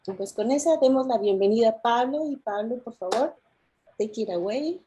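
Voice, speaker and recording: A woman's voice: a little high, expressive, normal speed, dark tone, a little hiss or hum. A woman hosting an online event, introducing the speaker in a friendly way and mixing in short English phrases. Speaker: event host.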